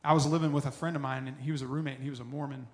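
A man in his forties giving an earnest personal recovery testimony, often dropping soft and low as he tells his story. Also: fairly even intonation, very fast.

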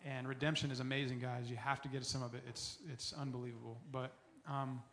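A man in his forties giving an earnest personal recovery testimony, often dropping soft and low as he tells his story. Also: little pitch movement, a little fast, a little hiss or hum.

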